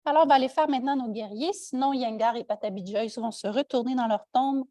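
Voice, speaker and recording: A woman with a Quebec French accent, teaching a yoga class with calm step-by-step cues and light joking asides. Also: fairly high pitch, fairly quick, no echo, clean studio sound. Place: yoga studio.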